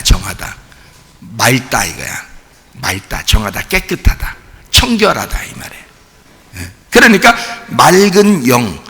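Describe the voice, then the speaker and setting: A male pastor preaching in a church sanctuary, his high voice ringing very bright and sharp. He swings his pitch widely and hammers his points with repeated questions to the congregation. A long hall reverb trails behind every phrase. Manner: call-and-response questioning of the congregation; emphatic, repetitive preaching. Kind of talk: sermon.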